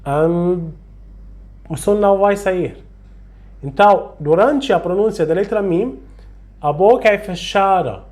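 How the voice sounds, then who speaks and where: Slow, patient recitation teacher. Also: mid-range voice, darkish tone. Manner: slow, patient, repeats sounds and words to demonstrate. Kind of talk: slow tutorial on Quranic recitation rules.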